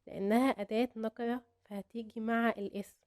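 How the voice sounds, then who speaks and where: A young woman with an Egyptian Arabic accent, giving a casual English grammar lesson and explaining step by step while drilling example phrases slowly. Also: on the high side, fairly even intonation, a little mellow, no room sound, studio quality. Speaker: English teacher.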